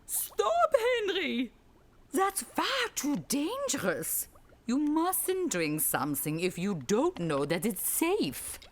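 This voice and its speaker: Cartoon talking microscope, motherly, teacherly, very lively pitch, slow. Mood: instructive. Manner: motherly, instructive. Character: caring, wise female microscope scientist. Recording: music playing behind.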